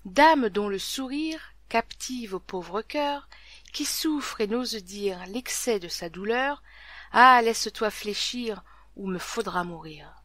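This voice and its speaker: A woman voicing a young, blond, lovelorn male minstrel, reciting his verses slowly in a soft, half-whispered singsong in a storybook reading. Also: medium pitch, expressive, no echo. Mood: pleading.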